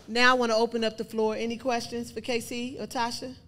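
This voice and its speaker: A woman's voice: on the high side, little pitch movement, fast, noisy background. A woman hosting a live podcast, upbeat and calling on audience members for questions. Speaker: podcast host.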